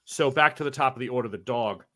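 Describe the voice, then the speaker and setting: Bright-voiced male game master. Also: medium pitch, quick pace. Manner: casual, rambling rule calls with fillers. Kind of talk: narrating a tabletop game.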